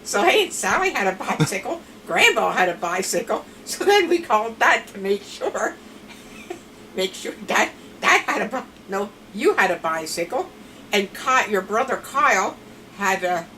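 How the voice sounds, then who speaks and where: A Pennsylvania Dutch grandmother in her seventies is interviewed at home, rambling through family stories in a chatty way. Her mid-range voice is sing-song, pushed and bright at a measured pace, picked up by a distant mic with clear background noise.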